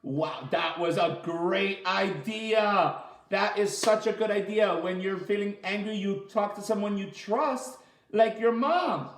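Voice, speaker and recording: A man with a high voice coaches children in an echoey room, running a martial arts story time. The lesson is interactive and chatty, and he praises and encourages while explaining slowly and simply with repetition.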